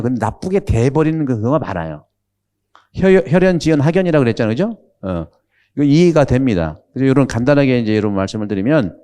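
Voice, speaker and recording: Mellow-voiced male priest giving a chatty lecture. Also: mid-range voice. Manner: chatty and humorous, asks the audience questions; drops into regional speech when quoting. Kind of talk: conversational catechism lecture.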